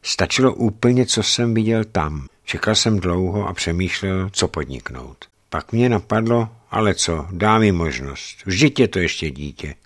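A man's voice: low-pitched, lively intonation, few pauses. A man reading an audiobook, voicing a distraught young husband who confesses earnestly. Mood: pained.

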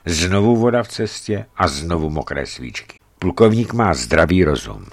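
A man reads a travel account aloud with a very deep voice and wide, lively shifts in intonation. His delivery is measured, and he adds vivid emphasis at key moments of the story. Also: vocal fry. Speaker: narrator. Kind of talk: scripted narration of a travel account.

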